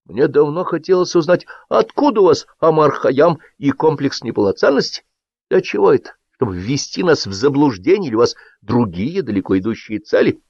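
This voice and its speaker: A man's voice: fairly high pitch, sing-song, fairly quick, darkish tone, no room sound, pitched above the performer's own voice. A man playing a blustering pompous Soviet boss. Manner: bombastic, declaiming, indignant. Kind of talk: audiobook character reading. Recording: dull lo-fi audiobook recording.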